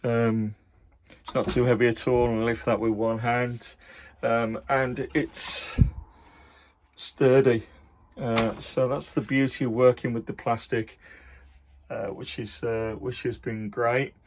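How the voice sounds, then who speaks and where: A man's voice: medium pitch, level tone, takes it slowly, long pauses, slight background noise. A man with a Birmingham accent talking casually about his model build in a home workshop, with many ums and uhs. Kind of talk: casual video diary.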